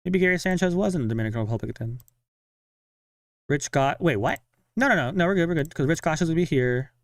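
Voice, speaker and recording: A man's voice: fairly high pitch, lively intonation, dry recording, studio quality. A young man chatting casually on a live stream while following a game, talking to himself and his viewers. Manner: chatty, self-talking, sighs of frustration and quick laughs.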